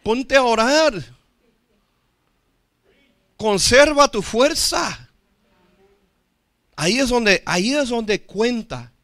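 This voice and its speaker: A male pastor preaches with emphasis, swinging from loud to hushed and calling on the congregation to respond. His voice is high and bright. The sound is dry and close. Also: animated, drawn-out words, pauses often, no echo. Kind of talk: sermon.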